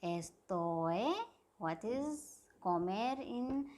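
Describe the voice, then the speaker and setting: A woman teaching a grammar lesson at a board, speaking slowly and repeating key words for emphasis. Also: medium pitch, lively intonation, darkish tone. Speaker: Spanish teacher.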